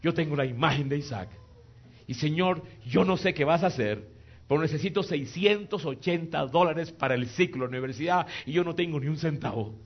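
A man's voice: a little high, a little fast, pitched above the performer's own voice. A man voicing a young man who prays fervently and pleads with God for money, his voice rising toward a cry, on a dull recording. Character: young man praying boldly for tuition. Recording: dull lo-fi sound with faint noise.

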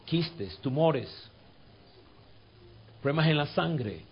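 A pastor leading his congregation in a sermon and guided prayer. He repeats scripture lines, swells to fervent peaks and sinks to soft, coaxing tones. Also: on the high side, lively intonation, very slow, muffled recording, a little hiss or hum. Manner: repeats phrases and drills scripture.

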